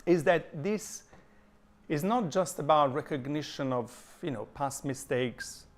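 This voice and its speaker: A man from southern Italy, speaking with an Italian accent and a slightly high voice, gives an adult education lecture. He is thoughtful as he reads and explains quotations, pausing often, using fillers and restarting his sentences.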